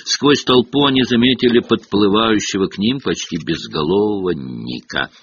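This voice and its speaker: A man reading a story aloud with a somewhat low, husky voice that rises and falls in lively swings. The recording is dull and lo-fi, dry with no room sound. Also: moderate pace, slight background noise. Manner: expressive storytelling. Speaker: audiobook narrator. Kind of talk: audiobook narration.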